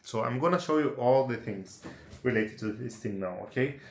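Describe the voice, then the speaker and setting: This Brazilian man, speaking English as a second language with a Brazilian Portuguese accent, gives a casual, unedited how-to walkthrough as an amateur presenter. His mid-range voice has lively intonation at a normal speed, and the recording is reverberant. Chatty throughout, he checks in with viewers using tag questions like "right?" and "yeah?"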